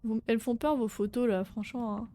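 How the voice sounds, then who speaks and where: A young adult woman streaming a game, chatting casually with viewers in French, swearing and breaking into sudden loud exclamations. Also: a little high, steady tone, fairly quick, slight background noise. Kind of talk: casual live game commentary.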